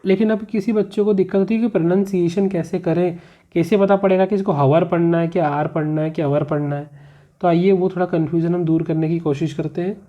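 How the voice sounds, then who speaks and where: A man's voice: high voice, steady tone, fast. A male teacher explaining grammar rules in a classroom lesson, repeating each rule and asking the class questions as he goes. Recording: muffled, slightly lo-fi.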